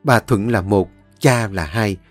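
A man's voice: on the low side, measured pace, no echo, soft background music. A man voicing a firm protective sister. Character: determined elder sister, protective.

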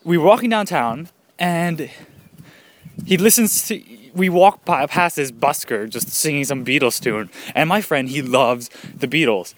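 A man's voice: fairly high pitch, unhurried. A man casually telling a rambling story outdoors, laughing often and slightly out of breath. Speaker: vlogger. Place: outdoors, birds nearby.

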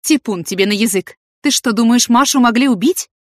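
A woman's voice: fairly high pitch, very animated, a little fast, no echo, clean studio sound, pitched above the performer's own voice. A woman voicing a pragmatic, blunt female farm worker who grumbles. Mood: grumbling. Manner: grumbling, practical.

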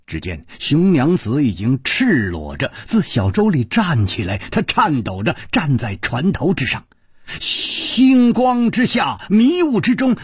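A man reads a martial-arts novel aloud in a slow, husky voice, his pitch swinging widely from low murmurs to high cries. The sound is close and dry, with no room around it. He tells the story like a dramatic radio storyteller. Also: no echo. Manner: slow, highly expressive delivery that swings from whispers to high cries.

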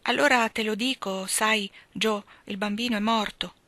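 A woman voicing a gentle, sickly young girl who speaks softly and earnestly. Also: medium pitch, steady tone, moderate pace, dry recording, natural voice.

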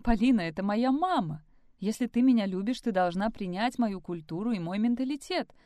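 Ревнивый итальянец в исполнении женщины. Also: female voice, mid-range voice, very animated, fairly quick, a little mellow, no echo, studio quality, close to an everyday voice. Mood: tense. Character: jealous 40-year-old Italian man, mother's boy.

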